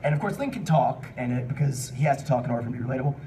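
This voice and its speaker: Taking questions from the room at a live fan event, the panel host speaks rapid-fire at medium pitch, with lively intonation and a mellow sound, rambling and joking without a script. A distant microphone captures him over the room's noise.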